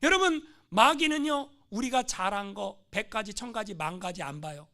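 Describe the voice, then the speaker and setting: Fervent, high-voiced preaching pastor. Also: male voice, expressive, moderate pace. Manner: swings from hushed storytelling to fervent, rising exhortation. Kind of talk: sermon. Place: church sanctuary.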